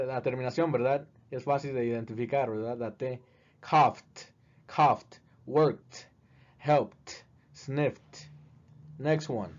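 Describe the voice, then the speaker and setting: A man teaching in a video lesson, speaking slowly and deliberately and repeating each word as a drill. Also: medium pitch, darkish tone. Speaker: English teacher. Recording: dull, lo-fi recording.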